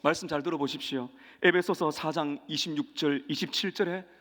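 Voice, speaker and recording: A man pastor preaching a sermon in a church sanctuary, speaking emphatically and swelling to loud peaks as he leads the congregation in repeating verses. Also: on the high side, steady tone, brisk. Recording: reverberant church hall.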